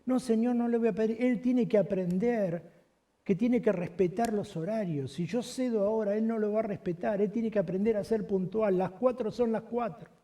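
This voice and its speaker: A man playing a stubborn middle-aged pastor who protests to God in a raised, higher voice. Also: normal speed, warm tone, natural voice. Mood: stubborn, protesting.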